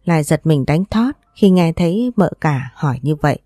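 A woman reading a romance story aloud in a calm, measured way. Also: sits low, dry recording, studio quality. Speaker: narrator. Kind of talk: storybook narration. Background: faint background music.

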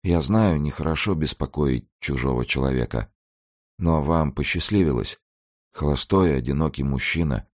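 A man voicing an elderly grandmother who pleads in a creaky, flat and dull voice. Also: rumbling low, normal speed. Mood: flat pleading.

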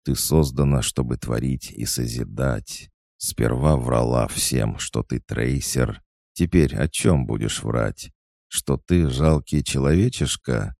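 A man's voice: a bass voice, slow, vocal fry, darkish tone, no room sound, studio quality, heavily acted. A man voicing a creepy, taunting boy who haunts his sister's dreams, mocking and sneering.

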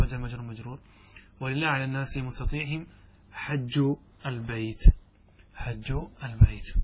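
With a husky, medium-pitched voice, a man teaches Arabic grammar by reading the text and explaining each step. He frequently puts questions to the class and supplies the answers himself.

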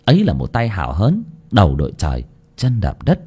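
A man's voice: low-pitched, huge pitch swings, fairly quick, warm tone, husky. A man narrating a horror story with dramatic, varied storytelling.

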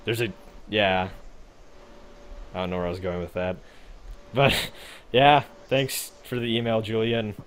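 A man's voice: on the low side, steady tone, measured pace, pauses often. A young man co-hosting a gaming podcast, chatting casually in a rambling, laid-back way with frequent swearing and fillers. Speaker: podcast co-host.

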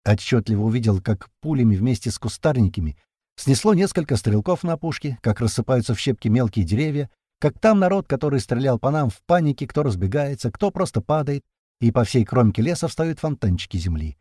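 A man's voice: mid-range voice, lively intonation, dark tone, no echo, clean studio sound. A man narrating a first-person war story in slangy, swearing action prose. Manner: slangy, swearing, fast-moving action telling. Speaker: audiobook narrator.

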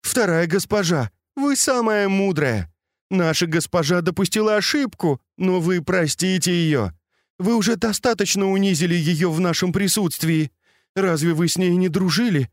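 A man's voice: high-pitched, normal speed, dry recording, studio quality, pitched above the performer's own voice, natural voice. A man reading an audiobook and voicing a group of kneeling maidservants who fawn and beg for mercy. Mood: imploring. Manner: fawning, imploring.

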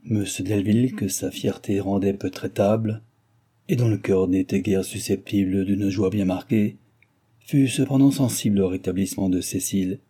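A man reads a classic novel aloud in a measured, even manner. His voice sits fairly low and sounds very dark and mellow. There is a husky grain throughout. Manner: measured, even literary narration. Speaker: audiobook narrator.

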